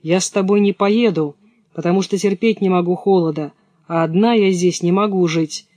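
A man's voice: high-pitched, moderate pace, darkish tone, no echo, lightly acted. A bold young robber girl snaps out commands in a raised, brusque voice, as a man reading the play puts her on. The recording is close and dry, with no room sound. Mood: bossy.

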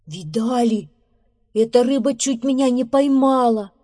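A woman's voice: lowish voice, lively intonation, takes it slowly. A woman voicing a timid, hesitant male beaver in a storybook, muttering his doubts. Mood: relieved.

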